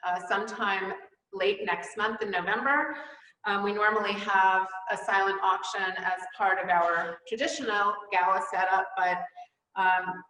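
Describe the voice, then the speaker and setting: A woman's voice: medium pitch, pushed and bright. A middle-aged woman hosting a virtual gala, thanking guests and announcing the next steps with many ums and uhs. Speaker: gala host. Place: wood-panelled indoor hall. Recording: roomy hall with long reverb.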